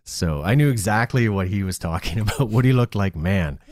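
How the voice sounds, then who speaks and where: A man co-hosting a casual conversation, relaxed and asking the guest questions. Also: lowish voice, fairly quick. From Canada. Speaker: podcast co-host.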